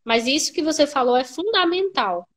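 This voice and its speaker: A woman's voice: high voice, lively intonation, normal speed, a bit bright. A Brazilian woman, a writing teacher, explaining her advice in a casual interview, with frequent filler tags. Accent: Brazilian Portuguese.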